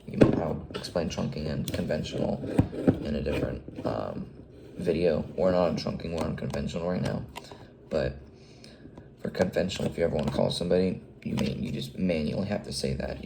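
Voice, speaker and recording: Very deep, gravelly man explaining radios. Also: background noise. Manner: hesitant, frequent ums and restarts. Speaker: fleet radio dispatcher. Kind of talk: casual how-to tutorial.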